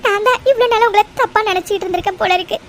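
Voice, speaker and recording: A woman's voice: very high-pitched, fairly bright tone, slight background noise. A woman voicing a heartbroken young woman in a cartoon drama, tearful and pleading, stumbling over her words. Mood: hurt. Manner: pleading, halting with repeated words. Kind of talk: dubbed cartoon family drama.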